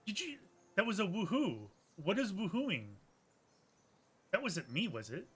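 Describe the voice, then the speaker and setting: A man's voice: sits high, wildly swooping pitch, measured pace, a bit bright, breathy edge. A man giving let's play commentary, thinking aloud in a hesitant, musing way with frequent restarts. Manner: musing, hesitant, self-correcting. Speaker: gameplay streamer.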